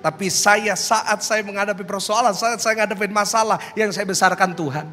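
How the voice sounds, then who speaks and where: A man preaching a lively sermon, joking with the congregation in casual speech and building to loud calls for applause. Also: high-pitched, fairly quick, faint music behind. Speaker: pastor. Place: large church hall. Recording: long church hall reverb.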